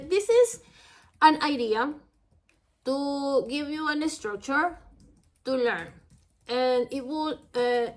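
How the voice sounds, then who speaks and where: Here a woman from Ecuador gives a language lesson in her high voice. Spanish is her native tongue, her accent is Latin American, and she proceeds cautiously, phrase after phrase.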